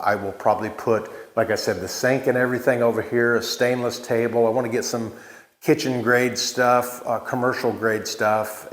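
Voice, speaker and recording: A man talking casually and unscripted as he hosts a walk-through vlog, explaining things in a plain-spoken, halting way. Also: on the low side. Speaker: vlog host, small farm winemaker. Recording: echoey bare room or open space.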